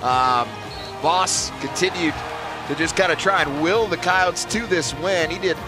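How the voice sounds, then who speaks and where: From a courtside desk in an arena, a play-by-play announcer in his fifties gives a postgame recap into a headset mic. His slightly high voice keeps a steady, measured broadcaster's delivery, with music playing underneath.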